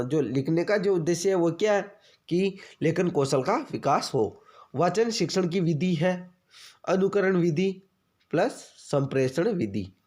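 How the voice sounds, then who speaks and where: A man's voice: a little high, darkish tone. A male teacher giving an exam-prep lecture. He keeps asking questions, answers them himself, repeats each key fact and keeps calling his listeners friends.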